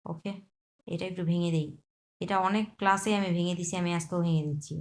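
A woman's voice: on the low side, fairly even intonation, a little fast. A woman teaching a beginner Chinese class, patiently repeating and breaking down each word, mixing in English terms. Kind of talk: explaining Chinese vocabulary in Bangla.

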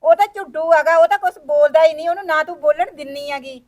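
A woman's voice: sits high, fast talker, natural voice. A woman playing proud, sulking young village woman. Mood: angry. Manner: sharp, scornful, bitter. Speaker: sulking daughter.

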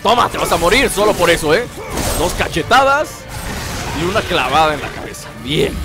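Mexican man doing chatty gameplay commentary, teasing and playful, fairly high voice, game music behind. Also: big pitch swings, normal speed. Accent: Mexican Spanish.

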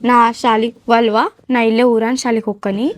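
A woman's voice: a little high, level tone, fairly quick, music in the background, close to an everyday voice. A young woman playing a schoolgirl daughter with a North Karnataka Kannada accent, pleading with her parents.

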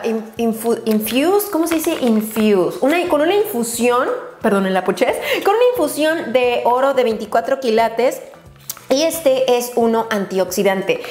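A chatty, excitable woman with a Mexican accent, unboxing a beauty haul and dropping English exclamations. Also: fairly high pitch. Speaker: beauty vlogger. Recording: roomy echo with faint noise.

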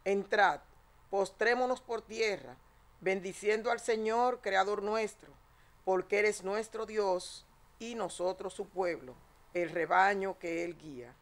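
A woman in her sixties reads at a chapel lectern during Mass. Her pitch is average and her delivery is that of solemn scripture and psalm reading. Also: takes it slowly. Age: 60s. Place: small indoor chapel. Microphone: lectern microphone.

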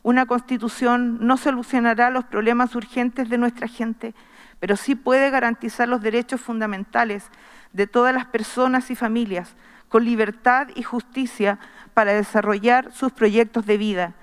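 A woman's voice: a little high, fairly even intonation, clean tone. Woman giving a formal podium speech. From Chile. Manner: earnest, measured, reading from notes with small restarts. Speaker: constitutional convention member. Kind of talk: formal speech read from paper. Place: large wood-panelled assembly hall. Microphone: podium microphone. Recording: long reverb of a large hall.

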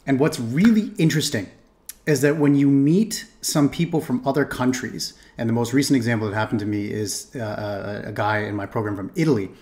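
A young man with a Canadian accent talks casually while reacting to a video, with laughing asides and frequent restarts. His voice sits at an ordinary middle pitch. He records from a small room on a desk mic while wearing headphones. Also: fairly quick, a little mellow. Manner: chatty, laughing asides, repeats himself. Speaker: reaction streamer.

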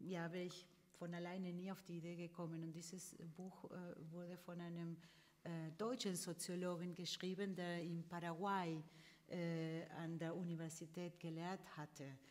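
Middle-aged woman from Argentina, Spanish native, lowish voice, hesitant fillers, hall reverb. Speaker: guest sociologist. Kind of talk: live interview answers. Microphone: stand mic. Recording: long room reverb.

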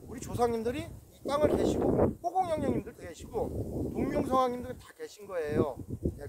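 High-voiced preachy man in his forties. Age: 40s. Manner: preachy, repetitive affirmations. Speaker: vlogger. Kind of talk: casual outdoor vlog talk. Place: outdoors on a rocky hillside. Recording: noisy outdoor recording.

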